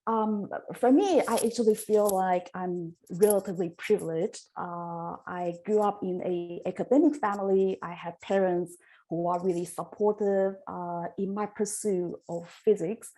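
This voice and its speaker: Mellow-voiced middle-aged woman. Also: medium pitch, steady tone, low-quality recording. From Taiwan. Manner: measured, with frequent "uh" pauses. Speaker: associate dean and physicist. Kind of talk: panel talk about her career.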